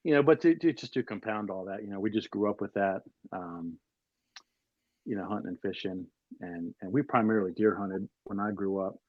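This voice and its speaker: A Maryland man in his forties appears as a podcast guest in a casual chat, telling stories in a rambling way full of fillers. His voice runs somewhat low and a little fast, heard as phone-quality audio with no room sound.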